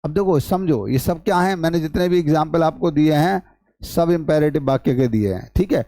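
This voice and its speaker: A man's voice: on the high side, moderate pace, mellow, no echo, clean studio sound. A man with a Hindi accent teaching an English grammar class, explaining step by step and asking the class questions. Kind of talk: classroom lecture.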